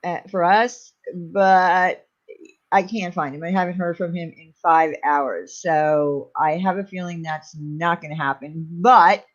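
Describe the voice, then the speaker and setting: A woman's voice: fairly low pitch, steady tone, unhurried. A woman hosting a casual livestream chat, laughing often as she talks with her co-host and reads viewer comments. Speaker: channel host. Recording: dull lo-fi sound.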